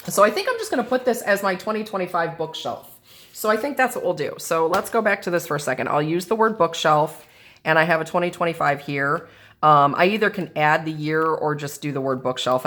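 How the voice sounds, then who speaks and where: A woman with a low-pitched, somewhat bright yet stuffy and sinusy voice chats casually about crafting as she sets up a planner, thinking aloud. She's a Midwestern American planner and journal crafter, seated indoors at a craft table with a camera overhead.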